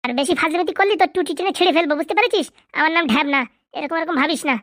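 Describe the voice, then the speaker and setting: A woman voicing a bossy male henchman in a cartoon comedy dub, gruff and mocking as he threatens his captive. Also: very high-pitched, very fast, fairly bright tone, dry recording, clean studio sound. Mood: threatening.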